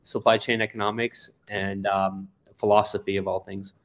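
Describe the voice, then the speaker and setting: Speaking over a webcam video call from an indoor office, this Afghan man in his forties is a company founder appearing as a guest, recounting his background in interview-style storytelling full of ums and uhs. His voice is deep and a bit bright, with little pitch movement and a moderate pace.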